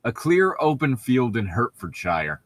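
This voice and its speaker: This man's medium-pitched voice is very animated and a little slow, with no room sound. As one of the co-hosts of a comedic read-aloud, he reads fan fiction aloud and pokes fun at it, bantering casually with sarcastic, joking, profane remarks.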